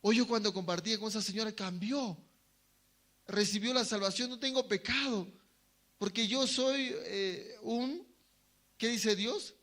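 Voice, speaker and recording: A man's voice: high-pitched, measured pace, a bit bright. A man preaching a sermon to his congregation, asking them questions and answering them himself, sometimes acting out short quoted voices. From Bolivia. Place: church hall.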